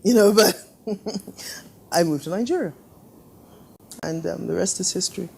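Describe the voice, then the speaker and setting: Sitting on a sofa in a living room studio, a middle-aged woman designer is the guest in a relaxed interview, spinning lively stories, laughing a lot and mimicking her parents' voices. Her voice is gravelly and husky, on the low side, at a normal speed.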